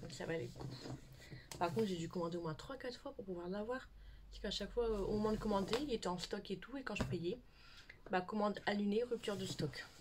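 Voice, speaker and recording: Brief: woman beauty vlogger, chatty and relaxed, middle pitch, noisy home recording. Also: a little fast. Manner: chatty, showing products to camera. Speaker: beauty YouTuber. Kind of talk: casual haul vlog.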